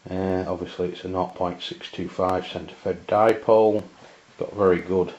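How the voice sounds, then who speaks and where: Talking through a bit of kit, a man from England delivers a relaxed product review in a very low, flat voice. He halts now and then and stays matter-of-fact throughout. The recording is lo-fi and dull.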